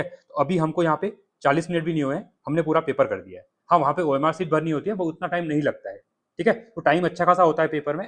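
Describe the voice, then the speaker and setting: Man patiently sounding out letters. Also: a little high. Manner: explains step by step, repeats "theek hai" often; sounds out letters slowly and repeatedly. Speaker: exam tutor. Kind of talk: solving a past exam paper.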